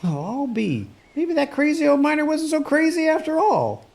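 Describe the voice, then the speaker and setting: Actor playing a folksy rancher with lively pitch. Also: male voice, moderate pace, gravelly, slight background noise, exaggerated voice. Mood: folksy wonder. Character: folksy rural rancher man, kindly, plain-spoken rescuer. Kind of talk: acted family film dialogue.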